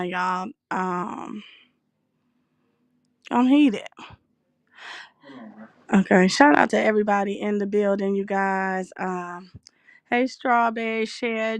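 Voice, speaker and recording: A woman's voice: medium pitch, smooth, no echo. A woman hosting a casual livestream, heated and swearing as she greets her viewers by name. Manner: heated and profane, reading out shout-outs to viewers. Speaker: livestream host.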